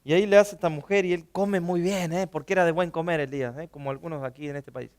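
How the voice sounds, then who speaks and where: Animated high-voiced preaching man. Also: fast talker. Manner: animated, swings between loud and soft, acts out voices of people he quotes. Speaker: pastor. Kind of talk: sermon. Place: church sanctuary.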